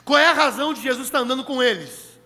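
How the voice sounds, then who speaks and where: A man's voice: very high voice, fast talker, pushed and bright. A man preaching a sermon in a church meeting hall, emphatic and repeating key phrases to the congregation. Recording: long echoey hall reverb.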